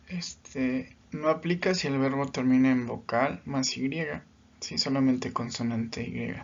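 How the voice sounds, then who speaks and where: A man gives a recorded grammar lesson, walking through each rule slowly and patiently. His voice sits at a middle pitch. The recording is dull and lo-fi. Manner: patient, explains step by step, often checks with "¿sí?". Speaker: English teacher.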